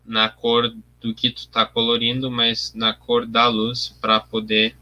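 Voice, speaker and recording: A man's voice: mid-range voice, completely flat delivery, slow pace, pushed and bright, lo-fi sound. A young man, chatting casually on a livestream while he colors his artwork, thinking aloud about his process and answering viewer comments. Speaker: artist streaming his work.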